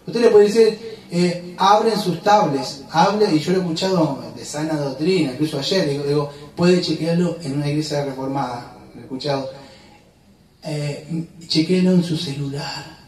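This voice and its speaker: A man, preaching a fervent sermon that swings between emphatic outbursts and quiet asides. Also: on the high side, moderate pace. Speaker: pastor. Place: church hall. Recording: roomy church hall, mic at a distance.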